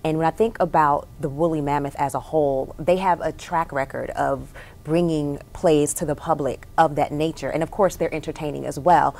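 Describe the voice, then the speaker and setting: A woman's voice: low-pitched, steady tone, normal speed, gravelly, few pauses. A woman radio and TV host interviewing guests casually, enthusiastic and affirming. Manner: warm, enthusiastic, lots of mm-hmms.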